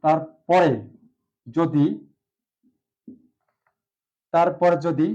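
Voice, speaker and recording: Lecturing on pronunciation, this teacher speaks with a Bangladeshi Bengali accent in a steady, mellow voice on the high side, slightly raised. His delivery is slow and deliberate, with stretched example words and frequent "ah" fillers, captured in dull, lo-fi sound.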